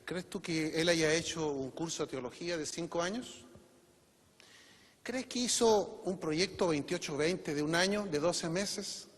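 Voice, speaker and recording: A male pastor preaching a sermon to his congregation, pressing home his points with rhetorical questions. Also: a little high. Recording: long reverb of a church hall.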